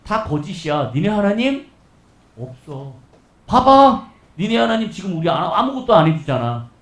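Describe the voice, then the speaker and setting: A man's voice: sits high, big pitch swings, moderate pace, roomy sound. A male pastor voicing an arrogant, taunting Assyrian king who speaks down to his rival in a mocking, casual tone. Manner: mocking, condescending, casual speech.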